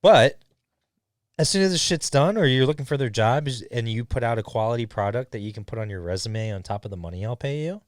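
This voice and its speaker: A man hosting his own podcast in casual chat, rambling and laid-back with many restarts, sounding high. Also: lively intonation, a little fast, dry recording, clean studio sound. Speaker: podcast host. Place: studio.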